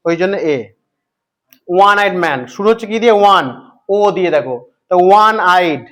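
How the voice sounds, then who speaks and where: A man with a Bengali accent teaching English grammar, asking his students questions and answering them himself, repeating key points slowly. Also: high-pitched. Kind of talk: explanatory grammar lesson.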